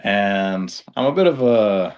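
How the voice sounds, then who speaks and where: A man from the US West Coast answers podcast questions in an easygoing way. His voice sits low. He pokes gentle fun at himself and sounds content. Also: lively intonation, slow, muffled recording. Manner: easygoing, self-deprecating. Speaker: podcast guest, street fighter. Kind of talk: casual interview answers.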